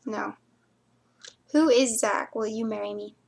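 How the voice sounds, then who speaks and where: Giggly young woman with a gravelly edge. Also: on the high side, steady tone, unhurried, a little mellow. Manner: rambling, giggly, drops into mumbled asides. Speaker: vlogger answering viewer questions. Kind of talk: casual chat to camera.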